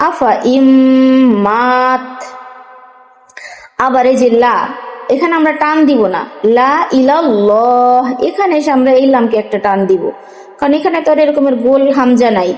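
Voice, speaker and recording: Lady teacher spelling out quran letters slowly, high voice, big echoey room. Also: a little mellow. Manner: patient, spells out letters and asks rhetorical questions. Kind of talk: step-by-step recitation lesson. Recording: echoey room with long reverb.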